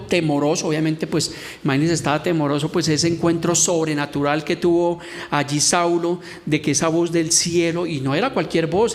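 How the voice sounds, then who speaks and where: A middle-aged man preaching a sermon in an earnest teaching tone, slowing down to read scripture and act out its lines. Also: fairly high pitch. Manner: earnest teaching tone, reads scripture and acts out quotes slowly. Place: church hall. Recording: reverberant church hall with faint background noise.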